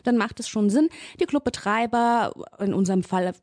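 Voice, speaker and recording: A woman's voice: fairly high pitch, moderate pace, no echo. Woman explaining in a dry studio. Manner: lively explanatory with many fillers. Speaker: guest from a club association. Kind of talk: radio interview. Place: radio studio.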